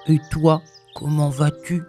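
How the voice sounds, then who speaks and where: A woman voicing a kindly, simple-minded male teddy bear in a storybook reading, gentle and earnest. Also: sits low, little pitch movement, takes it slowly, soft background music.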